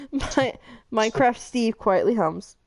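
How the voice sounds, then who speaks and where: Giggly woman streamer with a lively voice. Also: on the high side, slow. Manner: giggly, laughs often between lines. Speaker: streamer host. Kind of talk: casual chat, reading game events aloud.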